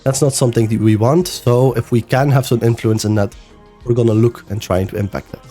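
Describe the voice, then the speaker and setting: A man's voice: medium pitch, steady tone, a little fast. Sick, slightly nasal man coaching gameplay. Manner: explanatory, loose with fillers and restarts. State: sick, a bit nasal and rough. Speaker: game coach. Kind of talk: gameplay review commentary. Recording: faint music behind. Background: soft background music.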